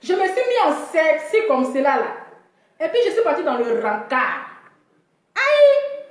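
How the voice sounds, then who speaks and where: A woman from Africa telling a comic story about herself, animated, jumping into high squealing voices when she mimics other people. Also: normal speed, echoey room.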